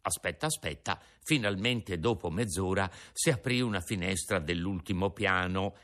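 Animated male storyteller. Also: low voice, moderate pace. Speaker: narrator. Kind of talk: storybook narration.

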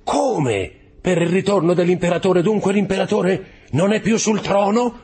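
A man reading an audiobook voices an unseen, long-imprisoned man who questions another through the stone, in a husky, raised tone. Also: sits high, normal speed, pitched above the performer's own voice. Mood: questioning. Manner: questioning, hushed and sepulchral. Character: mysterious male prisoner speaking through a wall, long confined.

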